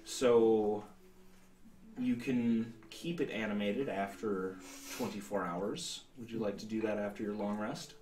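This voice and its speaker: A man's voice: on the low side, steady tone, a little slow, a little mellow, slight background noise. A man in his thirties narrating a tabletop role-playing game as game master, explaining things somewhat hesitantly. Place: indoor room, seated at a table. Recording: roomy sound, distant mic.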